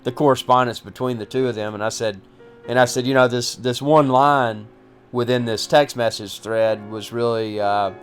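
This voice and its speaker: A man hosting a podcast, telling his own story in a casual, halting way with many restarts. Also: mid-range voice, steady tone, faint music behind. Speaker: podcast host recounting personal story. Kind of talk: casual first-person storytelling.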